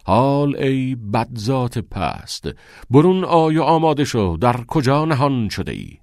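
A man voicing an eager, theatre-mad teenage boy who talks in quick, excited bursts. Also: medium pitch, dry recording, studio quality, pitched above the performer's own voice. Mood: theatrical.

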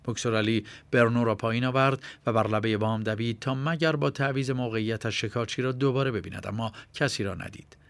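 A man narrates a tense story in a steady, measured reading voice. His pitch sits in an ordinary middle range for a man. The delivery is scripted audiobook narration, calm and even throughout. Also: vocal fry, no room sound.

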